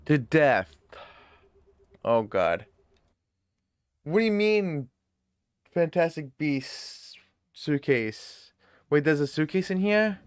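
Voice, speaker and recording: A man's voice: fairly high pitch, big pitch swings, slow pace, long pauses, clear, resonant tone, no echo. A man giving casual gameplay commentary, offhand and talking back to the game. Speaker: gamer playing and commenting. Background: game music.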